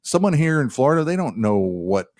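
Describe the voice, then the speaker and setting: A man hosting a casual live radio show about home loans, explaining mortgages in a relaxed, joking way with frequent restarts. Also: mid-range voice, a little fast, dry recording, clean studio sound. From United States. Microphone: studio microphone.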